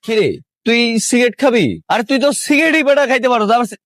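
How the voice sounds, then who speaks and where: A young man talks very fast in a strikingly high, lively voice, teasing his friend in slangy banter. The sound is dry, a drama. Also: dry recording. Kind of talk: Bangla TV drama acting.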